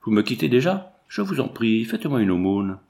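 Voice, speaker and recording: A man's voice: medium pitch, very animated, a little fast, vocal fry, darkish tone. A man reading a novel aloud, voicing an eager, smitten young American man who stammers.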